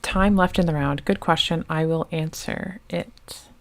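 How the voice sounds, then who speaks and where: Woman, Southern US accent, card tournament commentator, chatty, slightly low voice, thinks out loud. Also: fairly even intonation, measured pace. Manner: chatty, thinks aloud and answers chat questions. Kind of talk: casual live game commentary.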